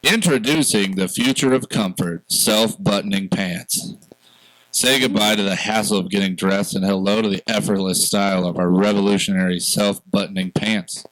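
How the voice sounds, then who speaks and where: Low-voiced man on a dry podcast mic. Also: moderate pace, fairly bright tone, no room sound, rough recording. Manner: laughs often, reads ad copy in a put-on commercial tone. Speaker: podcast co-host. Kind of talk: casual chat, reading a mock ad.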